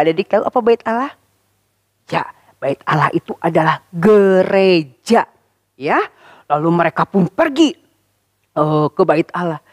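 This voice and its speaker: A woman teaching Sunday school, telling a Bible story to children in a lively, expressive way and speaking straight to the kids. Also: mid-range voice, slightly rough, no room sound, studio quality. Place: church.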